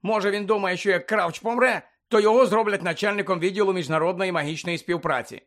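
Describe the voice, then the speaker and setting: A man's voice: high-pitched, fast talker, fairly bright tone, pitched above the performer's own voice. A man reading aloud voicing a sarcastic, joking teenage boy. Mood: teasing. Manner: teasing, sarcastic.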